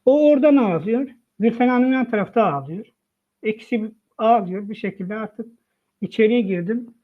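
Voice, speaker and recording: A man with a raised, fairly high voice recounts his family's ordeal in a personal testimony, as a father speaking of his son. He moves the story along by quoting each person's exact words. The sound is thin and boxy, as if it comes over a phone line from a live online stream. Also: moderate pace. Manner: retells events by quoting dialogue, frequent "dedim" and "dedi" tags. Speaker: father of the child.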